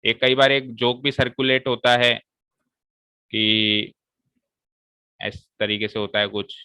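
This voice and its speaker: Male maths teacher, bright forceful voice, walks students through each step, dry close recording. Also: mid-range voice, fairly even intonation, slow pace, smooth, dry recording, muffled recording. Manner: explains step by step and checks with students. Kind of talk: classroom maths lesson.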